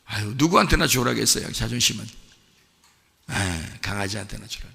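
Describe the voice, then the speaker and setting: A man preaching a sermon as pastor, firing rhetorical questions at the congregation and swinging from hushed asides to shouted exhortation. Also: lowish voice, lively intonation, brisk, vocal fry, husky, long reverb tail. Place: church sanctuary.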